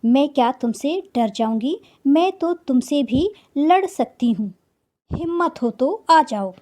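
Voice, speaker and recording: A woman's voice: high-pitched, expressive, slow pace, mellow. A woman voicing a boastful, cheeky female fly who scolds and dares a lion in a storybook tale. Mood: defiant. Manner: scolding, mocking, then daring.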